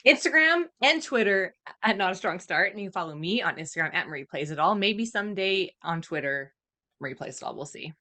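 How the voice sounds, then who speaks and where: A woman's voice: on the low side, animated, a little fast, bright, forceful tone. A woman hosting a podcast, chatting casually in a rambling way full of fillers. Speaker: podcast host. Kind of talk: casual chat.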